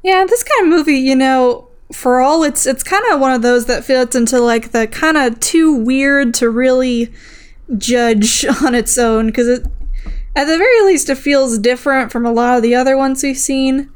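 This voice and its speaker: A woman's voice: high-pitched, normal speed, clean tone. A woman co-hosting a podcast, giving her take on a film in casual chat. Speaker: podcast co-host.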